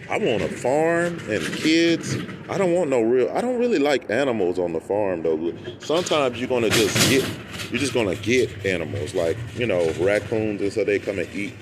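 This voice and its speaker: Guy with a lowish voice doing a rambling funny rant, goes off on tangents, some background noise. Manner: animated storytelling that acts out quoted remarks; loose, tangential, repeats himself.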